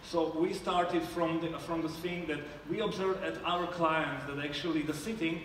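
A Slovak startup founder answers judges' questions on a theater stage, hesitating with lots of fillers and restarts. His fairly high voice stays fairly even at a moderate pace, a bit bright, with a little hiss or hum. A far-off camera in the audience catches it, so the hall sounds echoey and distant.

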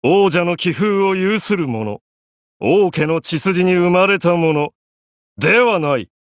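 For an anime game, a male actor voices an arrogant, grandiose young pharaoh, declaiming slowly and expressively in a high-sitting, imperious, pompous voice that sounds grand and haughty. The studio-quality recording has no room sound.

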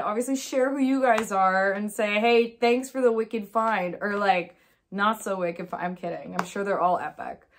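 A young woman reviewing horror films in a casual vlog, chatty and full of fillers, telling the plot with animated asides. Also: on the high side.

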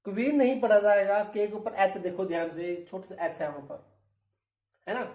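This high-pitched, slightly mellow male voice echoes in a reverberant space as he teaches English pronunciation in a classroom style, with an Indian accent. Questions come between slow drills where every word is said several times over.

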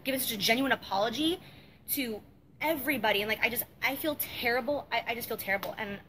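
A young woman talks straight into her phone outdoors, her voice bright and a little high. She rambles and circles back on herself, emotional and apologetic. A faint low rumble sits under the recording. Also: fast. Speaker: beauty vlogger. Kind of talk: apologetic self-recorded vlog. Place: outdoors at night with mosquitoes.

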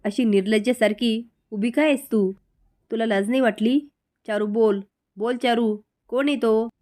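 A woman's voice: a little high, fairly even intonation, normal speed, a little mellow, natural voice. A woman voicing a distraught, angry aunt who keeps pressing with reproachful questions.

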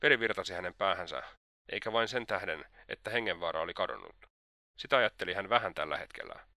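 Audiobook reader, man, very deep, bright, steady and measured. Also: no echo, clean studio sound. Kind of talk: audiobook narration.

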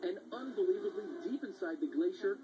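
A man's voice: high voice, expressive, fairly quick, over loud music, rough recording. A man narrating a news travel feature in an upbeat, playful tone. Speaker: TV reporter.

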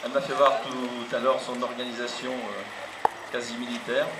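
A man giving a semi-improvised public speech as a local official, with a halting, hesitant delivery. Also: mid-range voice, fairly even intonation. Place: open town square outdoors. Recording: echoey, noisy outdoor recording.

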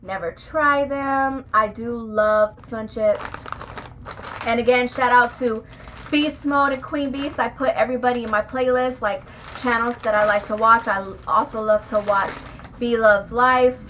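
A woman's voice: fairly high pitch, steady tone, normal speed, fairly bright tone, a little hiss or hum, rough recording. A woman vlogger chatting casually at home, talking while she chews. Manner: chatty, talks while chewing. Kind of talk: casual eating vlog chat. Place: her bedroom at home.

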